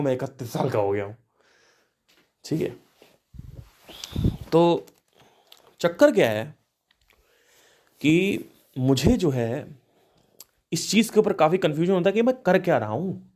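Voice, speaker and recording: A podcast host in his thirties muses aloud on spiritual ideas, restarting sentences and posing rhetorical questions. His slightly high, somewhat mellow voice has lively intonation, and he speaks unhurriedly with long pauses.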